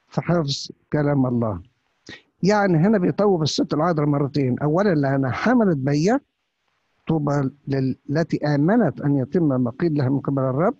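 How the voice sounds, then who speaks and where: A priest with an Upper Egyptian Arabic accent preaching a sermon, firing off rhetorical questions. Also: male voice, a little high, mellow, no echo. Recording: dull, lo-fi, dry.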